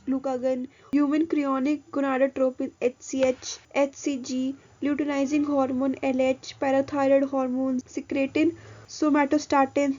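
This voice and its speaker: A woman's voice: sits high, warm tone, lo-fi sound. A woman with an Indian accent narrating a lesson as a teacher, methodically restating each point. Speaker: biology teacher.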